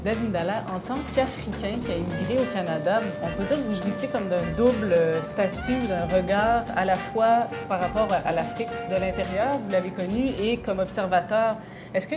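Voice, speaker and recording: A woman's voice: mid-range voice, normal speed, over loud music. A woman hosting an interview, asking engaged questions and giving brief affirmations. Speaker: interview host. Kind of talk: interviewing guests.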